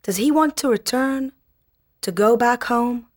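A woman in her thirties from Lebanon, a poet being interviewed and then reading her poem aloud, softly and with some hesitation. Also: on the high side, measured pace. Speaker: poet guest.

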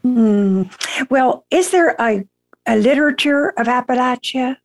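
A woman hosting an interview with a fairly high voice. She speaks slowly and with emphasis. She sounds admiring and deliberate as she asks her questions. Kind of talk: broadcast interview.

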